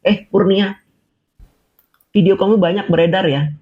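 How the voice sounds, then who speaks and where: A man's voice: high-pitched, steady tone, moderate pace. A man ranting to camera as an online commentator, scolding with sarcastic rhetorical questions. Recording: dull lo-fi audio.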